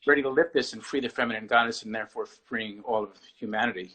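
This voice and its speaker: A man's voice: medium pitch, fast talker, bright, forceful tone, breathy edge, low-quality recording. A man, an artist, talking casually as a guest on a video-call interview, rambling and often restarting his phrases.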